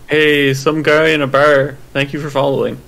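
A man co-hosting a casual live stream, slow and teasing in how he talks. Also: on the high side, flat delivery, gravelly, a bit bright, rough recording. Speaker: stream co-host.

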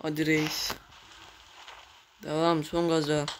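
A man giving casual, excitable commentary while playing a mobile game, cursing and talking to his viewers. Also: a little high, slow pace, a little hiss or hum. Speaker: gamer.

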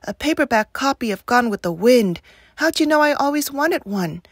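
Woman reading as a teen greaser boy, upset and begging, slow drawn-out pleas, dry close sound. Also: high voice, expressive, no echo. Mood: delighted. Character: teenage boy runaway greaser, sensitive and upset.

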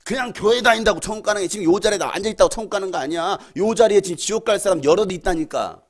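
A man's voice: sits high, rapid-fire. A middle-aged male pastor from Jeolla with a Jeolla accent, preaching a blunt, scolding youth sermon in a church hall. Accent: Jeolla Korean. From Jeolla, Korea. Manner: blunt, scolding, swings between shouts and mutters.

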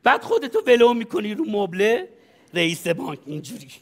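In a studio comedy sketch, a man's high-pitched, very animated voice dishes out bossy, brash advice as he coaches someone, breaking into frequent laughter. He plays the comic advisor.

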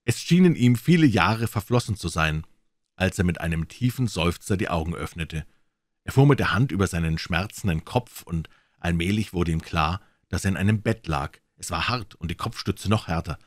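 A man with a very low voice reads a crime story aloud. His delivery is expressive and rises and falls widely, and the sound is close and dry. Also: moderate pace, no room sound. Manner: dramatic, expressive reading. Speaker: audiobook reader. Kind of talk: scripted narration of a classic crime story.

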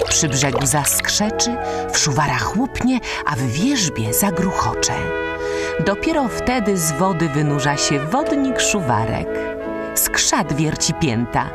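A man narrating a scripted children's story as its storyteller. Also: a little high.

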